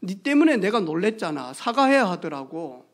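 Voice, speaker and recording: A preacher acting out a drunk, angry middle-aged man yelling coarsely. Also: medium pitch, very animated, normal speed. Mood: belligerent. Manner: loud coarse shouting in dialect.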